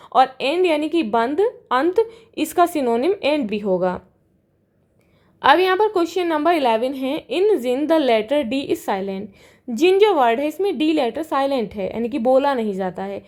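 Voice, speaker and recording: A woman teacher who works through a worksheet. She reads the English lines slowly and then explains them in Hindi. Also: sits high, darkish tone.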